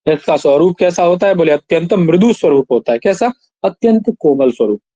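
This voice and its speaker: Male lecturer, higher mellow voice, dry and muffled; recites slowly, explains, quizzes the room. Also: animated, no echo. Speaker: Sanskrit teacher. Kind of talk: classroom lecture.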